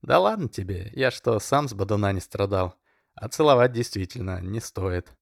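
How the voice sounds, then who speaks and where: A man voicing a calm, good-natured young man who talks casually. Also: on the low side, moderate pace, creaky, no room sound, clean studio sound. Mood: easygoing. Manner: casual, easygoing.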